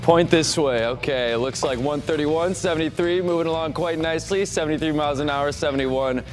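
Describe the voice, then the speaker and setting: A man's voice: a little high, a little fast, faint music behind. A man presenting an improvised live traffic report in a hesitant, good-humoured way.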